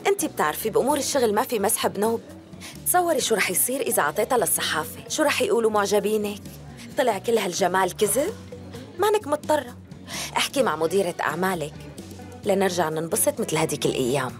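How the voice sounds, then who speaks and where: A woman's voice: medium pitch, sing-song, fast, natural voice. An actress playing a scheming, mocking businesswoman who makes smug threats, in a dubbed TV drama with a Syrian Levantine accent. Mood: mocking, threatening. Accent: Levantine Arabic, Syrian. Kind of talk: dubbed television drama dialogue. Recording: music behind the voice.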